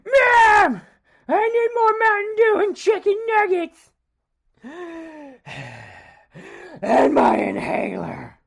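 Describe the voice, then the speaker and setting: A man voicing a whiny, outraged male nerd fanboy in a shrill, melodramatic rant. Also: very animated, takes it slowly, gravelly, a bit bright, exaggerated voice. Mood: demanding.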